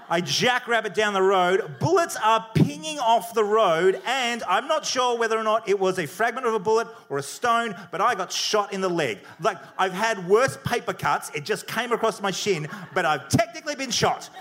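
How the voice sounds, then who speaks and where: A man telling a comic story on stage to a live audience, energetic and swearing, laughing along with his own punchlines. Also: high-pitched. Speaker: comedy debater. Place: comedy venue before a live audience.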